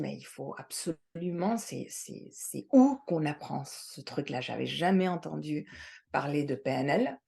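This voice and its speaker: A woman's voice: fairly low pitch, creaky, warm tone. A middle-aged woman from Mexico, a hypnosis and NLP trainer, talking in an interview with many hesitations and repeated words. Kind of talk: conversational interview.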